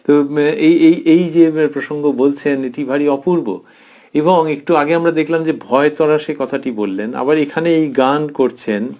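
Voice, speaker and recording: With a fairly high voice, a male professor offers tender, reflective devotional commentary in a lecture. Soft fillers and thoughtful pauses fill his delivery, and he slows to dwell on particular phrases.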